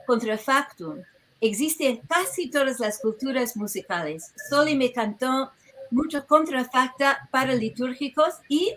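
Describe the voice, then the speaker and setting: A woman with a slightly high voice presents as a researcher at an online tribute. She speaks informally and with energy, wandering from point to point and often breaking off mid-phrase. She is heard through a video-call microphone. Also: slight background noise, rough recording.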